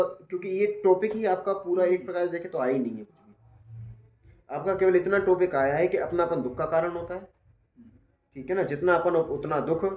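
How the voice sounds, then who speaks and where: A man's voice: on the high side, a little mellow. Man giving patient class feedback. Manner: patient, repeats "ठीक है ना?" to check understanding. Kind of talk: spoken feedback in a class session. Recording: roomy echo.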